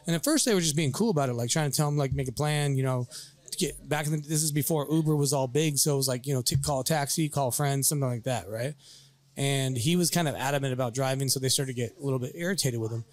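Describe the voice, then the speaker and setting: A man's voice: medium pitch, fast. Swearing man telling a bar story. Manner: animated, swears freely, acts out quoted lines. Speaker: podcast storyteller, bar worker. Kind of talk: casual storytelling.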